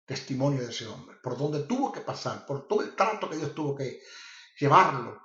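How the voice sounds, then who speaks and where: A man's voice: mid-range voice, sing-song, normal speed, fairly bright tone. A male preacher giving a sermon, emphatic and often repeating himself. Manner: emphatic and repetitive. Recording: roomy, slightly dull recording.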